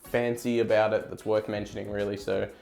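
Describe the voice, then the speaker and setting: A man's voice: on the low side, little pitch movement, a little fast, gravelly, darkish tone, soft background music. An Australian man giving a casual whiskey review, rambling a little as he searches for words. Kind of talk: casual tasting chat.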